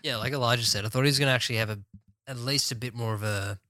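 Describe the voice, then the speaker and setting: A man's voice: medium pitch, racing, sharp tone, no room sound. A man on a podcast panel, talking things through with lots of hesitation and fillers. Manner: thoughtful, filler-heavy, hesitant. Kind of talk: casual chat.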